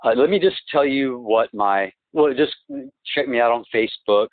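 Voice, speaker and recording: A man on a phone call who talks in a halting, rambling way, restarting and repeating words, and presses his complaints insistently, heard through a phone line. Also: medium pitch, no room sound. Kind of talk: phone conversation. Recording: tinny, dry phone-line recording.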